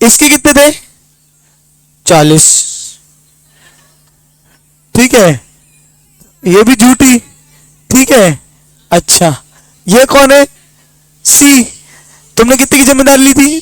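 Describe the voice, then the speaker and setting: A woman's voice: a little high, dry recording, low-quality recording. A woman teaching with a Hindi accent, turning the lesson into a little story and asking students one question after another. She talks in a dry, close setting with no room sound. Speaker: commerce teacher. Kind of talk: lively classroom lesson.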